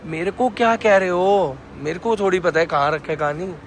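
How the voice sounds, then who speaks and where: Guy vlogging on a handheld cam outside, kinda high voice, joking around and teasing his friend. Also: brisk, a little hiss or hum. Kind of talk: casual vlog chat.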